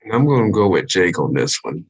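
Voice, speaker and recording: A man's voice: low voice, sing-song, fairly quick, breathy edge, poor audio. A man co-hosting a casual fight podcast, joking and playful in an easygoing way. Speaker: podcast co-host. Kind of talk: casual sports chat.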